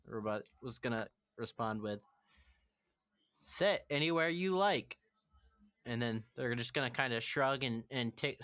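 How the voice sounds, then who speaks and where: A man's voice: mid-range voice, a bit bright. A man narrating as game master, loose and chatty with his players.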